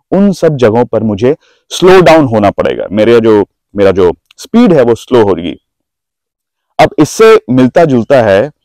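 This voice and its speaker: A man's voice: mid-range voice, darkish tone, no room sound, low-quality recording. Dry-voiced male presentation trainer. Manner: drawn-out, stressed words when demonstrating emphasis. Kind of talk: instructional talk.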